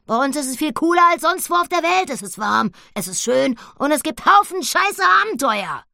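A woman voicing a loud, brash female pig who talks in crude slang and shouts. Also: high voice, sing-song, normal speed, creaky, dry recording, clean studio sound, voice pushed up, exaggerated voice. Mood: rowdy.

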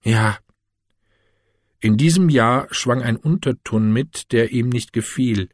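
Husky-voiced male audiobook narrator. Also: mid-range voice, dry recording, studio quality. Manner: calm, measured storytelling. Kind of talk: audiobook reading.

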